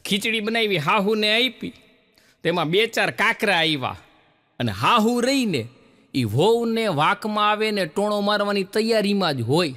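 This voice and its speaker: A man with a Gujarati accent tells comic stories on stage, his voice pitched high for a man. He jumps into the voices of the people in his jokes, then drops back to narrating. The sound carries a long hall reverb. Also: moderate pace. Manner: animated storyteller acting out quoted characters. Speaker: stand-up comedian. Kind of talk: Gujarati joke telling to a laughing audience.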